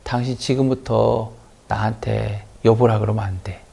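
목사가 연기하는 속삭이는 불안한 족장 남편. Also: male voice, medium pitch, moderate pace, vocal fry, breathy edge. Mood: anxious hushed. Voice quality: hushed, conspiratorial whispering. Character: anxious scheming patriarch husband, middle-aged.

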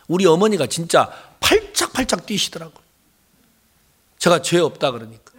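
High, animated male pastor preaching. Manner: dramatic, acts out dialogues and tells stories. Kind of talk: sermon.

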